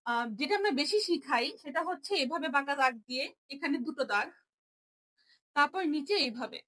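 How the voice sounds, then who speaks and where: A woman's voice: high voice, lively intonation, fairly quick, fairly bright tone. A young woman teaching a Japanese writing lesson, explaining each stroke patiently and repeating every sound.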